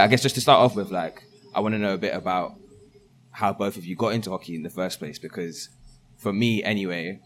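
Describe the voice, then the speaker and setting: Deep-voiced young male podcast host. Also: a little hiss or hum. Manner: relaxed, loose, frequent fillers. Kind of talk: casual podcast interview.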